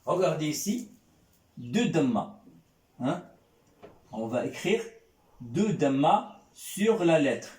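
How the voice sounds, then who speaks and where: Slow, echoey-voiced male teacher. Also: a little high, animated, darkish tone. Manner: slow, repetitive, checking in with "hein?" and "d'accord?". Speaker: Arabic teacher. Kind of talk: classroom lesson. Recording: echoey room.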